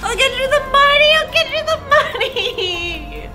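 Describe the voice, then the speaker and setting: Frantic, high-pitched young female debtor. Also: animated, takes it slowly, full character voice. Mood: terrified begging. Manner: pleading, frantic. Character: frightened young woman gambler begging debt collectors for mercy. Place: residential garage. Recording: echoey garage, distant mic, loud music.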